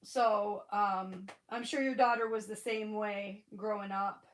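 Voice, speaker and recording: In a steady, medium-pitched voice at a measured pace, heard through poor audio, a crafting host in her forties chats on her live stream. She has a Michigan accent and a stuffy nose, greets viewers by name, and frequently uses fillers and restarts.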